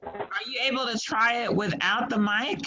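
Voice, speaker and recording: A woman's voice: on the high side, normal speed, over music. A woman teaching an online class on a video call, patiently encouraging students and sorting out audio trouble. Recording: slightly muffled call audio, faint noise.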